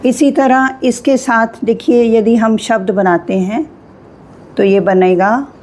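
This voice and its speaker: A woman teaching a Hindi spelling lesson, slow and deliberate, spelling out sounds with pauses. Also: on the high side, fairly even intonation, darkish tone.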